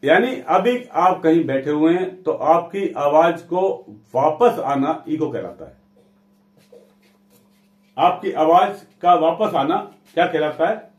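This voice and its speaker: A man's voice: a little high, lively intonation, slow pace, darkish tone, roomy sound. A man teaching a physics lesson, who often asks a question and then answers it himself.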